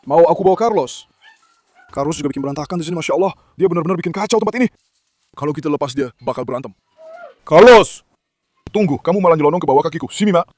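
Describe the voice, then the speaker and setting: High-voiced man coaxing dogs. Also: lively intonation, very fast, a little mellow. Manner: coaxing, affectionate talk to dogs, with repeated commands. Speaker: dog breeder and farm owner. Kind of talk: casual vlog narration.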